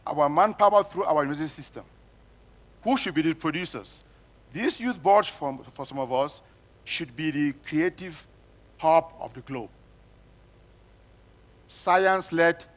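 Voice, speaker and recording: Emphatic Cameroonian panel moderator. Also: male voice, sits high, a bit bright. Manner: emphatic, repeats phrases for effect. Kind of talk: panel discussion.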